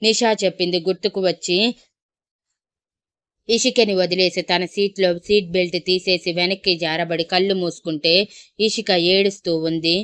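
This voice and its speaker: Smooth-voiced woman narrating an audio story. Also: fairly low pitch, fairly even intonation, normal speed, a bit bright.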